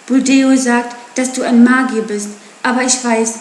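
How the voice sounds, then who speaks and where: A woman's voice: fairly high pitch, steady tone, moderate pace, reverberant, a little hiss or hum, natural voice. A woman voicing an anxious village mother who pleads with her son. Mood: pleading. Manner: pleading, worried.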